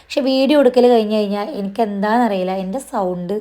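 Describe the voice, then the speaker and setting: Woman vlogger, rapid chatty voice-over, slightly strained voice. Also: mid-range voice, mellow. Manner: chatty, sprinkles tag particles, talks fast. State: voice strained after losing it. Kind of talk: voice-over narration of a shopping vlog.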